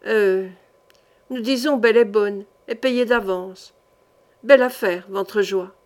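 A woman's voice: medium pitch, slow, natural voice. A woman reading an audiobook, voicing an anxious, greedy male innkeeper who frets and exclaims. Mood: fretful.

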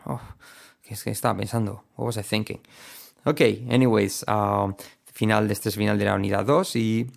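A man from Spain teaching English pronunciation in a recorded audio lesson. His low voice has a gravelly texture. He is playful, repeating example words and acting out mistakes. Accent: Spain Spanish. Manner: playful, explains with mock examples and repetition.

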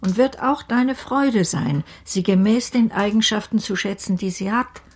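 An actress playing a wise, firm, kindly elderly aunt in a radio play, husky and gravelly, deliberate and gently admonishing. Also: female voice, mid-range voice. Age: older.

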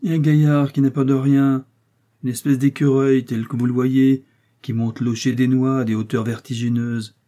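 A man's voice: mid-range voice, level tone, normal speed, mellow, lightly acted. A man voicing a pompous, self-important middle-aged village pharmacist who lectures and scolds at length. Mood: scolding.

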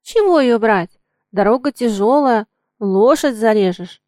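A woman reading an audiobook and voicing a gruff, teasing old male coachman. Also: on the high side, expressive, measured pace, dark tone, no echo, clean studio sound.

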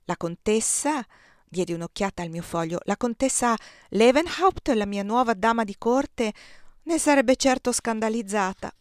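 Woman, audiobook reader, first-person narration, expressive, dry close sound. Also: on the high side, moderate pace, dry recording. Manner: expressive, lively reading.

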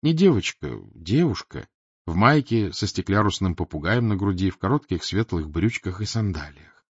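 A man reading an audiobook aloud in an expressive, dramatic narration style. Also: low-pitched, normal speed, breathy edge, no room sound. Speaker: audiobook reader. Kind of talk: scripted narration. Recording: dull dry lo-fi recording.

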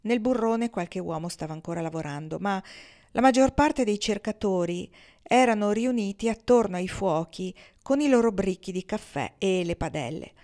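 A woman's voice: medium pitch, animated, moderate pace, a little mellow. Woman reading a novel aloud. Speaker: audiobook reader. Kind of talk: audiobook narration.

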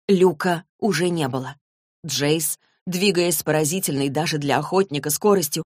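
Woman audiobook narrator, lowish voice, dramatic, dry close recording. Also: no room sound. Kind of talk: scripted narration.

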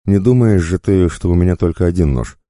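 A man's voice: low-pitched, fairly quick, dark tone, no room sound, clean studio sound, pitched above the performer's own voice, close to an everyday voice. A man voicing a wily, talkative male rogue who mocks and teases with fake cheer. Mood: jaunty teasing. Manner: jaunty, teasing, fake-cheerful.

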